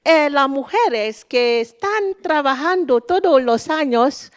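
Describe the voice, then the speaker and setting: A Nigerian-accented woman giving an informal panel speech in halting, non-native Spanish, often searching for words. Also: sits high, animated. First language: not Spanish. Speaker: panel speaker, activist.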